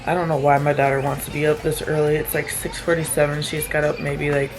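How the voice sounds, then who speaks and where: Tired, chatty young mom, low voice. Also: female voice, flat delivery, quick pace. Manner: chatty, rambling, self-deprecating with soft laughs. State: tired, yawning. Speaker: vlogger, single mom. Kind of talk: casual vlog narration. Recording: music playing underneath.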